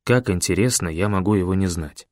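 A man voicing a calm, stern older leader who speaks in a measured, grave way. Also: low voice, dry recording, studio quality, pitched below the performer's own voice, lightly acted.

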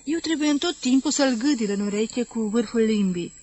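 A shameless young married woman who teases and brags without restraint, read aloud by a woman. Her voice sits high and carries loudly. The delivery feels like an audiobook scene read for listeners. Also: dry recording, lightly acted. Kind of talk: audiobook character reading.

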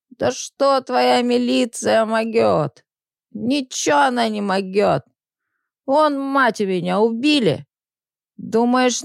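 A woman voicing a drunken, unkempt man who talks in a slurred, gruff, scornful way. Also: on the low side, no echo, clean studio sound.

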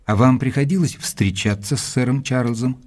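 An actor playing Doctor Watson, a courteous, persistent gentleman, narrating and speaking in a measured, formal way in an audio drama. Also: medium pitch, close to an everyday voice. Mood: polite, probing.

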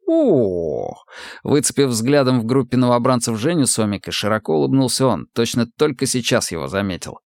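A man reading a novel aloud as an audiobook narrator with expressive storytelling. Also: medium pitch, fairly quick, few pauses, no echo, clean studio sound.

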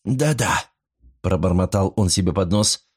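A man reads an audiobook in a lowish voice. His narration is even and measured.

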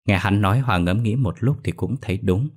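A man narrating a ghost story in a steady, dramatic way. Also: lowish voice, fairly quick, breathy edge.

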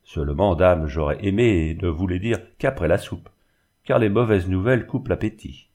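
A man's voice: sits low, moderate pace, a little mellow. A man voicing a jovial, gossiping old male peddler with a folksy way of talking, in a storybook reading. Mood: chatty.

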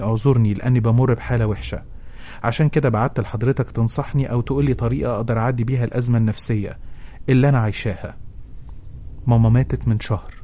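A man's voice: mid-range voice, mellow. A man with an Egyptian Arabic accent, a show host who reads a listener's letter with emotion and then gives advice. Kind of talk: dramatic reading and advice.

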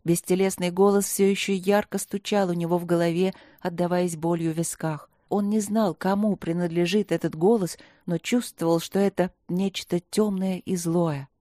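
A woman narrating a fantasy story in a steady, measured way. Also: on the low side, no room sound, studio quality. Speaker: audiobook narrator.

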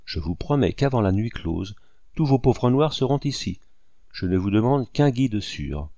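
A man voicing a young French lieutenant, measured and coolly polite in a read-aloud story. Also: fairly low pitch, animated, mellow, no room sound, studio quality. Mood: earnest. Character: young French male lieutenant, calm and principled.

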